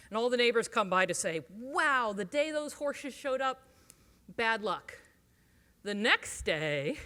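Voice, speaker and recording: A woman giving a conference talk, telling stories in a lively way and acting out the quoted voices. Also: fairly high pitch. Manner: animated storyteller, acts out quoted voices. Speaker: conference speaker. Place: conference stage.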